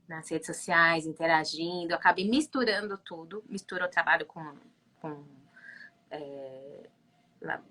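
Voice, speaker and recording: A woman, sharing her experience as a panel guest and pausing often to find her words. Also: lowish voice, bright, forceful tone. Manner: hesitant, searching for words. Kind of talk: reflective personal sharing.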